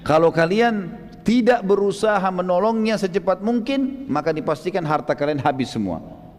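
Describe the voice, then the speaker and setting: A man voicing a frantic male messenger who shouts in alarm for help. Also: high-pitched, expressive, moderate pace. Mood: urgent. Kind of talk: acted quote in a sermon. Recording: long hall reverb.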